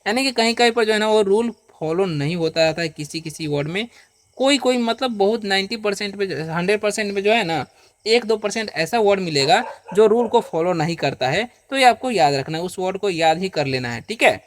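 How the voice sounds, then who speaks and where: A man's voice: high-pitched, expressive. A man teaching English pronunciation rules in Hindi, patiently asking and answering his own questions and drawing out the example sounds. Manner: checks in with listeners with frequent "okay?" and "isn't it?"; slows down and stretches out example sounds. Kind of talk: Hindi-language pronunciation lesson.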